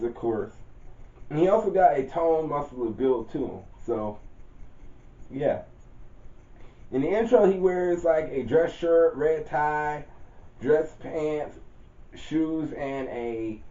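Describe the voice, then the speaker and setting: A man's voice: mid-range voice, mellow. Man, casual rambling character rundown, informal grammar, self-corrections; roomy echo, dull lo-fi sound. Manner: loose and rambling, correcting himself mid-sentence. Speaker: channel host describing his own story character. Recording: roomy, dull lo-fi home recording.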